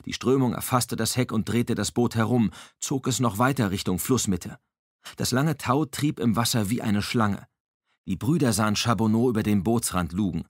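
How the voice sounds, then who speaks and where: A man reading an audiobook in a measured, dramatic storytelling manner on a close microphone. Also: on the low side, breathy edge, no echo. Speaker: audiobook narrator. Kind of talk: scripted audiobook narration.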